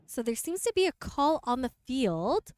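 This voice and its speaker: A woman's voice: high voice, big pitch swings, normal speed, a little mellow, no echo. A woman doing bilingual play-by-play commentary outdoors, switching between English and French. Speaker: sports commentator. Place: outdoors at a windy field. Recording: light wind noise.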